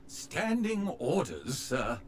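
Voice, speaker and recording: A man's voice: medium pitch, wildly swooping pitch, slow, a little hiss or hum. A man voicing a polite, fawning male butler robot in a video game, formal and deferential, always calling his master sir. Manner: obsequious, addresses master in third person as sir.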